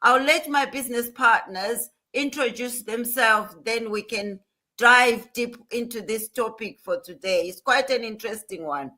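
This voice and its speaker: A woman's voice: fairly high pitch, a little slow, pushed and bright. A woman hosting a motivational livestream, talking in an earnest, emphatic way and repeating her points. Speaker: livestream host.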